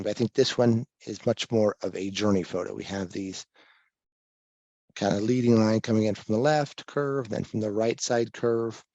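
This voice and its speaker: A man from Kansas giving a relaxed slide talk to a live audience on a microphone that pops, thinking aloud with small restarts. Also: fairly low pitch, no room sound. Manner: easygoing and self-deprecating, thinking aloud with restarts. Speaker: guest presenter at a photography talk. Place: library meeting room. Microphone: handheld or stand microphone with popping plosives.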